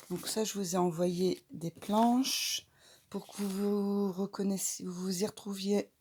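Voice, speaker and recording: A woman teacher, slowly demonstrating a reading activity and stretching out each sound. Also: mid-range voice, darkish tone. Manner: slow, deliberate, stretches out sounds.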